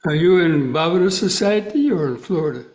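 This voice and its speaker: A man, a Buddhist monk, chatting on a video call and then leading slow Pali chanting in a measured, droning voice. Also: a little high, expressive, darkish tone, roomy sound. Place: meditation center livestream.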